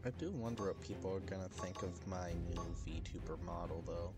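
A man's voice: low voice, steady tone, moderate pace. A man streaming a video game, talking casually in a sleepy, laid-back way. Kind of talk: casual gameplay commentary. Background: game music.

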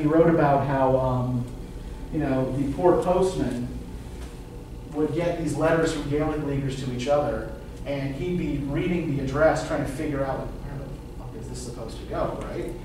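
Recorded from across a very reverberant indoor classroom, a middle-aged college literature lecturer talks at a medium pitch through a face mask. His delivery is questioning, frequently checking in with "right?", and the distant camera mic also catches faint noise.

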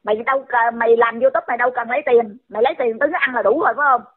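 A woman's voice: a little high, racing, slightly rough. A woman, scolding someone in a heated rant and firing off repeated insulting questions. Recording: tinny phone-line audio.

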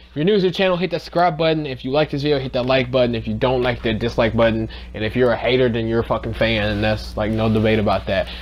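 A young man talking casually to his channel's viewers in a rambling, profane way, then calling out gameplay. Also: mid-range voice. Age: young adult. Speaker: YouTuber. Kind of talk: casual vlog and gameplay commentary.

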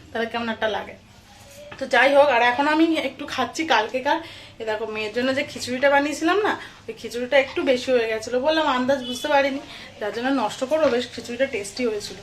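A woman's voice: sits high, slight background noise. A young woman from West Bengal, a mother chatting casually to viewers from her home kitchen in a homely vlog. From West Bengal, India. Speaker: vlogger, mother.

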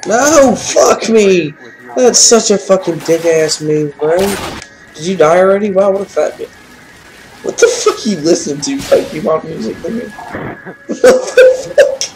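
A young woman hosting a gaming channel, giving casual, profane gameplay commentary with loud outbursts. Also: lowish voice, lively intonation, measured pace, music in the background. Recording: noisy game audio behind voice.

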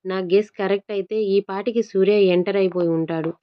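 A woman voicing a calm, composed young woman who speaks in an unhurried, even way, on a dull lo-fi recording. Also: mid-range voice, smooth, lightly acted.

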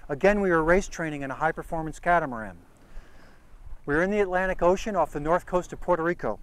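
A middle-aged man giving sailing safety instruction on the deck of a sailboat at sea, speaking in an earnest, deliberate and emphatic way. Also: fairly high pitch, clear, resonant tone, poor audio. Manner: earnest, deliberate, emphatic, demonstrates gear with his hands.

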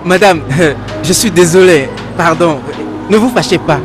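An actor playing a poor young street vendor selling biscuits, begging and then cursing a customer. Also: male voice, high-pitched, measured pace, over music. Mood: pleading. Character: poor male street biscuit seller, pleading then furious.

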